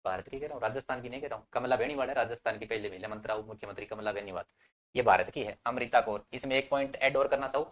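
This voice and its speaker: Young man, online class teacher, mid pitch, repeats points, quizzes students. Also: fast, a bit bright. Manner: repetitive drilling, quizzing students. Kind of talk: live online exam-prep class.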